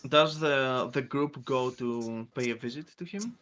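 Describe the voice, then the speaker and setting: A man narrating a tabletop game as game master, improvising in a halting, hesitant way. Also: mid-range voice, a bit bright.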